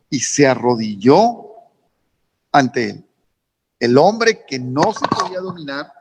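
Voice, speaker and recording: Emphatic northern Mexican pastor preaching. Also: male voice, breathy edge, no room sound. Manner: repetitive, emphatic preaching with rising pitch on key phrases. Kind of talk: sermon. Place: church service streamed online.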